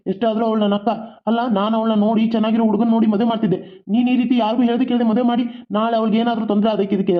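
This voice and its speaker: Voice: mid-range voice, natural voice. A hot-tempered adult son in a cartoon, as a voice actor plays him, firing off reproaches at his mother at a breakneck pace. The recording sounds dull and lo-fi. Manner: rapid-fire, reproachful. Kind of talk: cartoon voice acting.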